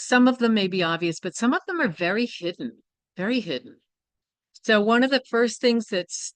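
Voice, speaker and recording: A woman with a low-leaning voice, recorded without echo, gives a workshop. She speaks candidly and reflectively in a personal teaching talk, regularly checking in with "right?" and "you know."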